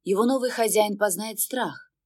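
A woman voicing a commanding male demon lord who gives cold, deliberate orders in a storybook reading. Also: medium pitch, darkish tone, no echo, clean studio sound, lightly acted. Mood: brooding command.

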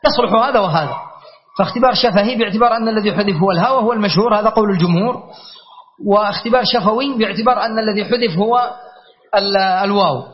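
A man's voice: high-pitched, quick pace. A man teaching a classroom grammar lesson, repeating key words and often checking that his students follow. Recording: dull lo-fi lecture recording.

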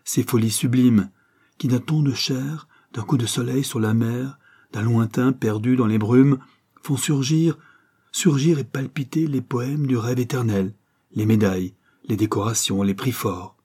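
Man narrating a classic story, husky, dark mellow tone, dramatic reading. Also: mid-range voice, unhurried. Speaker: audiobook narrator. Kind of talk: literary audiobook reading.

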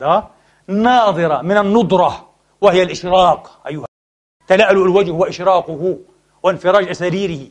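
A male scholar lecturing at a rapid clip in a fairly high voice. He presses the audience with quick questions and scoffs at opposing views. When he quotes verses, he slows down and chants them. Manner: keeps quizzing the audience with short prompts; mocking, argumentative asides. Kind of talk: religious lecture.

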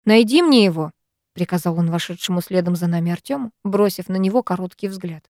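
A woman reading a first-person novel aloud, expressive and measured. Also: lowish voice, dry recording, clean studio sound. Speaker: audiobook reader.

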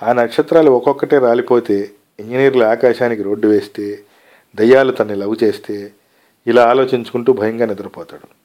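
Male story reader, mid-pitched, calm and measured read-aloud narration.

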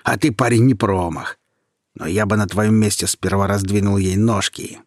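A man voicing a cruel, gloating bandit who hisses and drawls his words slowly in an audiobook. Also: on the low side, no echo, studio quality, close to an everyday voice.

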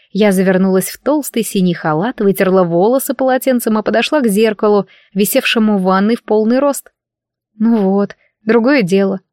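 Expressive woman narrating an audiobook. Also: medium pitch, no echo, clean studio sound. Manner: expressive, sardonic asides. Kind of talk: first-person audiobook narration.

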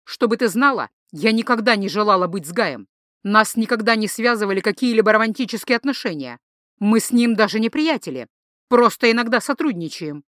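A woman's voice: mid-range voice, animated, a little fast, fairly bright tone, dry recording, clean studio sound, natural voice. A woman voicing a blunt, irritated young woman. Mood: exasperated. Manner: blunt, exasperated.

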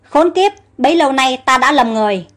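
A woman's voice: sits high, expressive, fairly quick, fairly bright tone. A woman doing a wrathful old king. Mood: furious. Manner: commanding. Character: commanding older king, wrathful.

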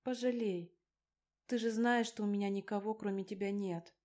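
Woman doing a scared young woman, pleading, wheedling, raised voice, warm tone, audiobook. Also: medium pitch, steady tone, normal speed, lightly acted. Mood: coaxing.

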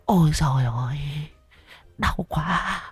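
A man's voice: on the high side, takes it slowly, slightly rough, dry recording, soft background music, pitched above the performer's own voice, exaggerated voice. A man doing a whiny, groaning old lecher. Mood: whining. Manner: moaning, stammering complaints.

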